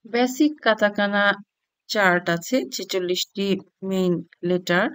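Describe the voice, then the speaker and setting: A woman gives a slow, patient language lesson and reads each syllable of a chart aloud in turn. Her voice is smooth and clear. It is recorded close and dry, with no room sound. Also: medium pitch, no echo. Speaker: Japanese language teacher.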